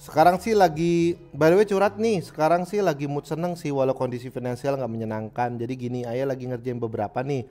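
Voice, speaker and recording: A man's voice: mid-range voice, quick pace, few pauses, warm tone, soft background music. A man, a livestream host who reads viewer messages and gives joking, slangy advice. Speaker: streamer reading viewer messages. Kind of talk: casual livestream chat.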